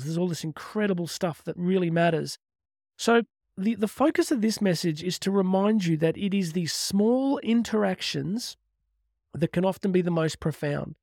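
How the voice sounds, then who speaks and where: Here a man with a high-sitting, slightly mellow voice delivers religious teaching as a motivational speaker. He leans hard on key words, lengthening them, and poses rhetorical questions with earnest emphasis. The studio sound is clean and free of echo.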